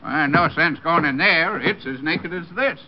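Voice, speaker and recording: A folksy old American night watchman in a radio play, slow and high-voiced, chuckling as he talks. The vintage recording is muffled and noisy. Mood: amused. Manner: chuckling, folksy, drawn-out talk. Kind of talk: 1940s-50s radio drama acting.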